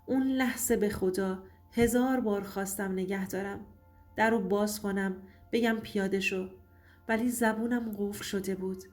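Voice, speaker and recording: A woman giving a steady, tense first-person scripted story narration, with faint music behind. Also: medium pitch.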